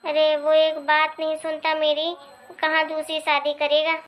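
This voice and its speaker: A woman's voice: sits high, completely flat delivery, measured pace, fairly bright tone. A woman voicing a nagging older mother-in-law who complains and scolds. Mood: bitter.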